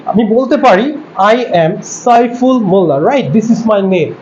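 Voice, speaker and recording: A man's voice: expressive, measured pace, darkish tone, a little hiss or hum. A man in his twenties teaching an English class, coaxing students in Bengali and English. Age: 20s. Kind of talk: classroom lesson. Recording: dull low-fi room audio.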